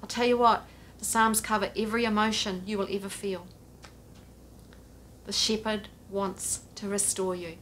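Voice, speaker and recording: Seated on her living-room sofa, a middle-aged woman pastor preaches an earnest, direct home church sermon to camera, gesturing as she speaks. Her medium-pitched voice is a bit bright, flat and moderately paced with long pauses; the camera sits a few feet away in head-and-shoulders framing, with a little hiss or hum.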